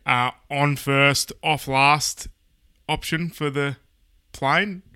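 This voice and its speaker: Bright, clear-voiced hesitant man co-host. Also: mid-range voice, fairly even intonation, very slow. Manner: hesitant, restarts questions. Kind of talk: conversational podcast interview.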